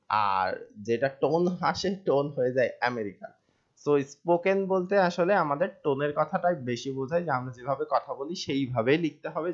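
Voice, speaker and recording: A male instructor from Bangladesh delivers a recorded live class in a loose, conversational way, sprinkling English terms through his speech. He poses questions and then answers them himself, at a middling pitch. The recording sounds slightly dull and lo-fi. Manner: mixes English terms into colloquial Bengali. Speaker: online course instructor.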